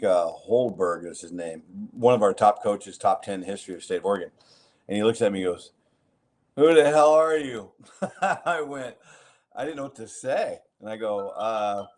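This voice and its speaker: A man hosting a talk show, telling a long anecdote in a rambling, animated way with many fillers. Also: sits low. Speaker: host. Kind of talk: casual chat, anecdotal storytelling.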